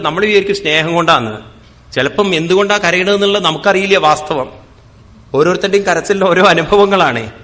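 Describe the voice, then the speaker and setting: A man giving a spiritual discourse, chanting verses slowly and then explaining them in plain speech. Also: a little high, pushed and bright. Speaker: spiritual teacher. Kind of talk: scripture discourse.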